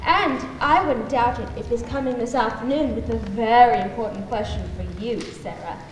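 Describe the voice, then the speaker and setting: A woman's voice: on the high side, moderate pace, natural voice. A woman playing a gushing young society lady in a stage musical comedy. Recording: echoey hall, clear background noise.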